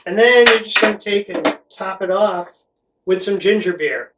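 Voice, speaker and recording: A man's voice: high-pitched, moderate pace, heavy background noise. A middle-aged American man from Connecticut chatting casually and explaining things in a rambling, conversational way as a vlog host. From Connecticut, United States. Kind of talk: casual explainer chat to camera. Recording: roomy echo, distant mic.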